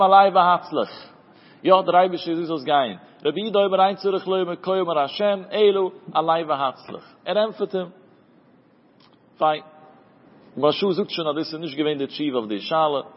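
Male Talmud teacher, fairly high voice, study singsong, long reverb on a dull recording. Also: husky. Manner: chanting study singsong, mixing Hebrew terms into Yiddish-flavored German. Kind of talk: Talmud lesson. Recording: dull audio in a reverberant room.

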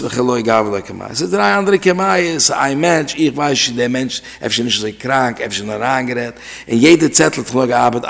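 Gravelly-voiced man lecturing in a hall. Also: fairly high pitch. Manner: explanatory, repeats and restates his points; mixes in Hebrew terms and English words. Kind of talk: religious study lecture.

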